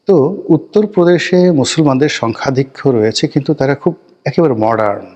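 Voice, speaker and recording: A middle-aged man giving solo political commentary in a measured, emphatic way, stacking phrases into lists and pausing to stretch out key words. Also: mid-range voice, a little mellow, lo-fi sound. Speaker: political talk show commentator.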